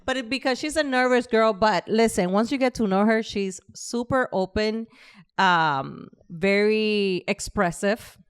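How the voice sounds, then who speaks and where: Medium-pitched, smooth and unhurried, this podcast host speaks with a Latin American Spanish accent. She keeps the interview chat casual, showering her guest with warm, effusive compliments and frequent laughter.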